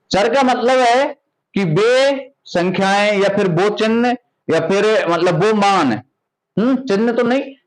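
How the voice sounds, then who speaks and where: A man's voice: sits high, rough recording. A man teaching a maths lesson, who asks rhetorical questions and keeps checking in with his students. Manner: repeats "ठीक है" often, asks rhetorical questions. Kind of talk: classroom lesson explanation.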